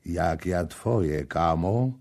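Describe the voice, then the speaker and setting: A man voicing a passionate, proud young prince in a storybook reading, low and insistent, with a gravelly, dark voice. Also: very slow, exaggerated voice. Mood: ardent. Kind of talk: audiobook character reading.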